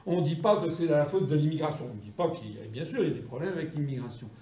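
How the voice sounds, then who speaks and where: A man's voice: fairly high pitch, lively intonation, racing, warm tone. A man making an insistent political statement as a campaigner. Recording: echoey room from far off.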